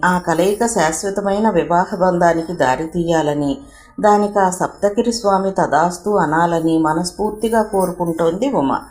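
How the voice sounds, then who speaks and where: A woman reading a novel aloud as narrator in a steady, even storytelling manner. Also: on the low side. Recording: roomy echo.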